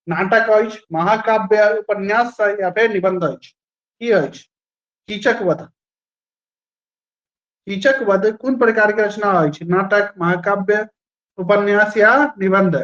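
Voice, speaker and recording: A man's voice: high voice, fairly bright tone, dull audio. A male teacher running a live online quiz class, repeating each question and its options and praising students by name.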